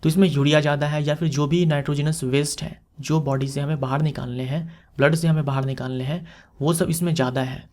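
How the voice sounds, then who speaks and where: Guy teaching exam prep, bit high voice, keeps repeating stuff and asking questions back. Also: fairly even intonation, brisk, darkish tone. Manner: explains step by step, repeating key terms with rhetorical questions.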